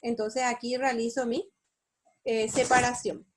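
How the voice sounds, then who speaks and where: A woman's voice: a little high, flat delivery. A woman teacher with a Paraguayan Spanish accent, giving an online spelling lesson and explaining step by step with frequent check questions. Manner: slow, explanatory, asks rhetorical check questions. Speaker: university teacher.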